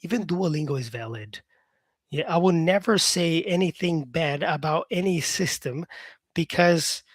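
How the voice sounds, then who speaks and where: In a slightly high voice, a Brazilian man who teaches English answers viewer comments during a live stream, keeping things casual and upbeat with the occasional "yeah." The sound is studio quality with no echo.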